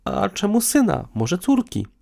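A man's voice: high voice, huge pitch swings, a little slow, gravelly, mellow, voice pushed up, full character voice. A man voicing an irritable, sarcastic young woman in an audiobook, with a raised, tense delivery. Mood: lecturing. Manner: sarcastic, combative. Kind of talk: audiobook dialogue.

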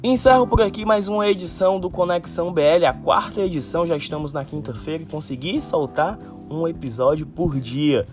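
A man's voice: fairly high pitch, brisk, few pauses. Lisping man from Ceará over music. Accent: northeastern Brazilian, Ceará. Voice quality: tongue-tied lisp, slushy s sounds. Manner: informal, addresses listeners directly, frequent tag questions. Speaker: sports podcast host. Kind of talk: casual solo football news commentary.

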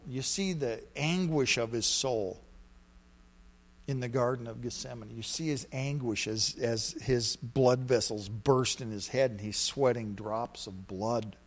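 A middle-aged male pastor delivering a sermon in an animated, storytelling way. He punches key words loudly, then drops into quiet, confiding asides. His voice sits at an ordinary pitch.

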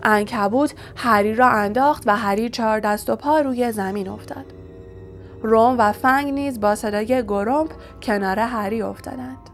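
Woman reading a storybook aloud, kinda high voice, faint music under it. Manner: steady storytelling. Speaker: audiobook narrator. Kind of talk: scripted narration.

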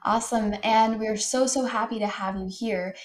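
A young female host with a bright, curious manner, presenting a science podcast from a script. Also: fairly high pitch, steady tone, moderate pace.

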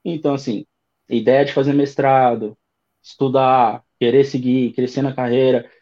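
A man in his thirties with a São Paulo accent, telling his story as an interview guest in a relaxed, rambling way. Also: medium pitch, moderate pace, dull audio. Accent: São Paulo Brazilian Portuguese. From Brazil. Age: 30s. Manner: relaxed storytelling with many fillers. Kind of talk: casual interview chat.

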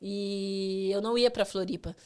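A woman in her thirties with a Brazilian Portuguese accent, sitting in as a podcast guest. She tells her stories in an animated way, laughs often, and acts out the dialogue of the people in them. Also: mid-range voice, a little slow, smooth. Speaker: podcast guest, former tennis player. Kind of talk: casual storytelling chat.

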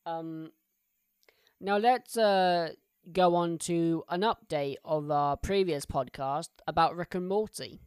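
A man co-hosting a casual podcast, swearing freely and ranting with quick banter. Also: fairly high pitch, smooth, no echo, studio quality. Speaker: podcast co-host.

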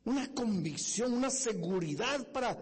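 A man's voice: lively intonation, moderate pace, slightly rough. A male pastor preaching a sermon, telling a story with impassioned, building emphasis in a church. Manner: impassioned, building to loud high-pitched emphasis.

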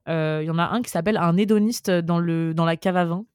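A woman's voice: fairly low pitch, quick pace, darkish tone, clean tone, no room sound, clean studio sound. A woman co-hosting a casual book podcast, talking animatedly with lots of fillers and restarts. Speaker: podcast co-host. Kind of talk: casual chat about books.

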